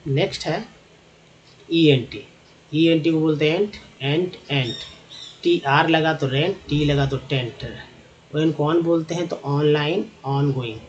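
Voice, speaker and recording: Slow-explaining Indian man teaching phonics. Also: on the high side, highs cut off. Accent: Hindi. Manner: slow, repetitive, drawn-out explaining. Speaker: English teacher. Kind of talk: phonics lesson, spelling out word parts.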